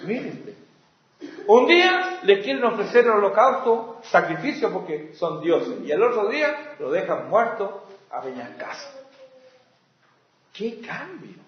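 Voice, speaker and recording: A male pastor preaching with passion, swinging from loud exclamations to hushed asides. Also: high-pitched, big pitch swings, a little slow, a little hiss or hum. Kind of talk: sermon. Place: church sanctuary. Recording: echoey, dull lo-fi church recording.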